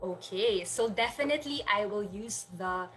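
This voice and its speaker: A woman's voice: mid-range voice, expressive, normal speed, fairly bright tone, faint music behind. A woman speaking as a pageant contestant, poised and chatty as she presents herself. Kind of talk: poised pageant self-introduction.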